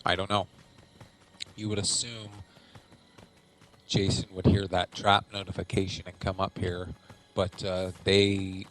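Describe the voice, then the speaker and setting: A man hosting a gaming channel, giving dry, wry game commentary and keeping his voice down at night so as not to wake anyone. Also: low voice. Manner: hushed, keeping quiet at night so a sleeper is not woken. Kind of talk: recorded game commentary over match highlights.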